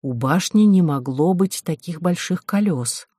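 A reader narrating a novel in an even, slow, dry manner. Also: mid-range voice, husky, no room sound. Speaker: audiobook reader. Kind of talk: scripted narration of a historical adventure novel.

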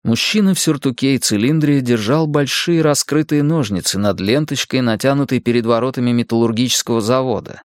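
Male narrator, mid pitch, steady measured reading, dry booth sound. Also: no echo. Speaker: audiobook narrator. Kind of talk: scripted narration.

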